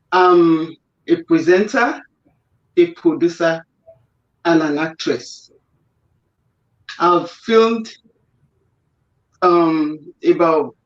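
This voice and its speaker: A woman guest, an actress and presenter whose first language is Yoruba, talks slowly in a lowish voice during a casual video-call interview. She's hesitant, using fillers and restarting sentences. The remote call audio sounds roomy and dull.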